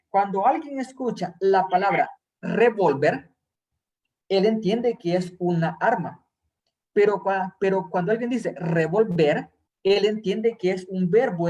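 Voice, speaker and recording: A man's voice: sits high, a little mellow. A man teaching a recorded Hebrew grammar class, explaining terms patiently and reassuring his students.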